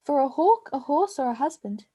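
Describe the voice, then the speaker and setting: A chatty, teasing waiting-woman, read by a woman in an amateur online play reading. Her voice sits high yet sounds soft and mellow, and she rattles through long speeches. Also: lively intonation, normal speed, slight background noise.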